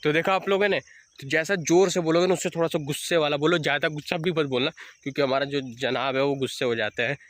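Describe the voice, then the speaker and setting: A man's voice: a little high, steady tone, quick pace. A young man walking his dog outdoors, chatting casually as he explains training tips and calls to the dog. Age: young adult. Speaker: dog owner vlogger. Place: outdoors on an evening walk by fields.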